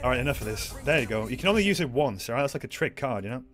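A man livestreaming a game in casual chat, sarcastic and sweary, going from calm to worked-up, mock-angry ranting. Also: medium pitch, rapid-fire, soft background music.

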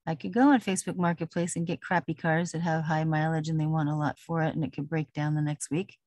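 A woman's voice: deep voice, fairly even intonation, fast, darkish tone, no room sound. A middle-aged woman talking casually and rambling, laughing now and then. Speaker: vlogger. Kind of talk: casual personal talk.

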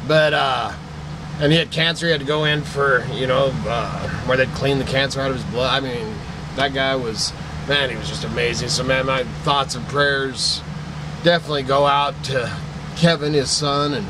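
A man in his forties from Idaho, an antique-picking vlogger, chats casually to a desk webcam in a cluttered indoor shop, rambling sentimentally as he shows off thrift finds. His voice is medium-pitched and steady at a moderate pace, with a noisy background.

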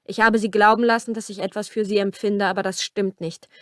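A woman reading as a cold, brooding young man, voiced with a tense, clipped edge that pushes a little louder than her narration. The sound is dry and close, with no room around it. It is a storybook romance reading. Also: mid-range voice, flat delivery, a little fast, no room sound, lightly acted. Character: brooding young male rancher, cold and harsh. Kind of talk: audiobook character reading.

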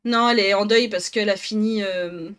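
Her medium-pitched voice is clean and fairly bright, with fairly even intonation and a slightly fast pace. She's a Twitch streamer from northern France, live in her home office, casually greeting viewers by name and joking at her own expense.

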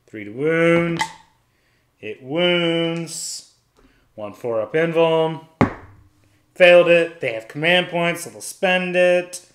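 A man's voice: fairly high pitch, takes it slowly, long pauses, fairly bright tone, a little hiss or hum. A man casually narrating a solo tabletop wargame, calling out each dice roll step by step and thinking aloud. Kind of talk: casual play-by-play of dice rolls. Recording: echoey room.

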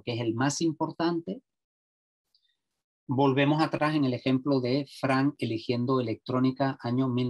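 A middle-aged man, a social educator giving a lively workshop talk to parents and often checking in with the audience. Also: medium pitch, husky.

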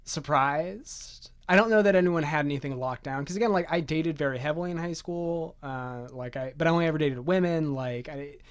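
A man's voice: a little high, a little fast, few pauses, no echo. A man in his twenties from Maryland, a podcast guest, telling personal stories in a chatty way full of "like" fillers and self-deprecating jokes. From Maryland, USA. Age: 20s. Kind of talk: casual conversational storytelling.

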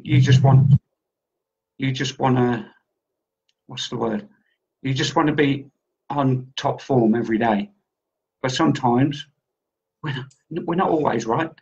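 A man co-hosting, giving a casual spiritual reading in a rambling way and often repeating himself. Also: medium pitch. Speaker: psychic reader and co-host. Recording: dull lo-fi audio.

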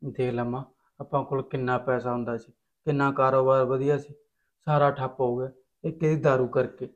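Man as a quietly worried son, resigned tone, lo-fi muffled sound. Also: medium pitch, flat delivery, normal speed, natural voice. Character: worried grown son of the household. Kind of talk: village short-film acting.

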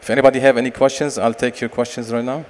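A man in his forties, a company director, giving a conference sales pitch and answering questions with many fillers and restarts into a handheld mic. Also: level tone, rapid-fire, darkish tone. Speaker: company managing director presenting. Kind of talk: conference presentation and Q&A. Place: large expo stage hall. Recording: long hall reverb, faint noise.

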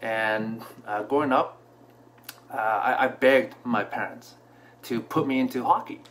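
A man in his thirties who grew up in Canada, telling a personal story to camera from a small room at home, relaxed and reflective, with many fillers. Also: mid-range voice, a little slow. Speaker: vlogger. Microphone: camera in front at desk distance.

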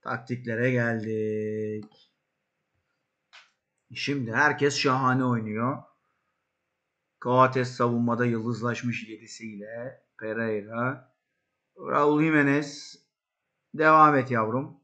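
A man hosting a football management game video, commenting excitedly on the match and shouting at his players. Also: medium pitch, slow, pauses often, muffled recording. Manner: excitable, yells at players, then calm asides.

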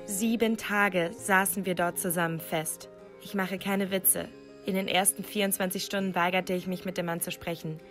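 This is a woman giving a dramatic, feeling-filled reading of a scripted story told in the first person. At the tense points, her voice rises steeply.

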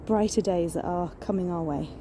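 Walking through woodland and on a beach, a woman in her thirties records a casual vlog on an arm's-length phone, chatting enthusiastically with plenty of fillers. She speaks at normal speed in a lowish voice. Noise, outdoor ambience and faraway planes come through.

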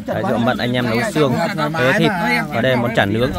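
A man's voice: mid-range voice, very fast. A man from Vietnam presenting dishes for his food channel, hesitant with many filler sounds, at an outdoor gathering. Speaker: channel host. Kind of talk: casual food vlog presenting. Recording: crowded outdoor meal with music. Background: music and loud chatter.

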